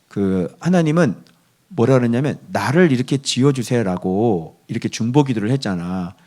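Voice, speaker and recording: Animated Korean pastor preaching a sermon. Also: male voice, mid-range voice. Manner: asks the listeners for constant agreement, answers himself. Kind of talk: morning devotional sermon.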